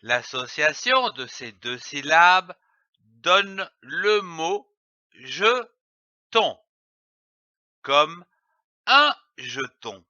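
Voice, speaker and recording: A man teaches young children to read, spelling out letters and syllables at a very slow, careful pace. His voice is bright and somewhat high, and the recording is dry and a bit dull. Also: no room sound. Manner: spells out letters and syllables very slowly, with lively pitch. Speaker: reading teacher. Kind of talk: slow, deliberate reading lesson for young children.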